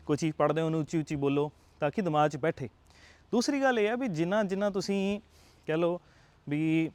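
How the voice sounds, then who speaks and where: Earnest Punjabi-accented man, higher voice. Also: a little mellow, dry recording. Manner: earnest, coaxing, checks in with rhetorical tags. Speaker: IELTS tutor. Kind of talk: motivational talk to camera.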